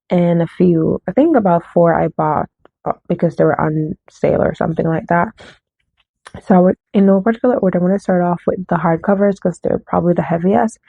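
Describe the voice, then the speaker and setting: A book vlogger chats casually about her book haul, rambling and often correcting herself, her voice slightly nasal from a cold. Her pitch is fairly low and creaky. The recording is dry with no room sound and a tinny, phone-like quality.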